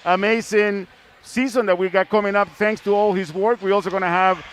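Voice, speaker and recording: With a high voice and steady tone, this sports broadcast host talks fairly quickly during a live sports discussion. He tends to repeat phrases on the way to asking his questions, and faint background noise can be heard.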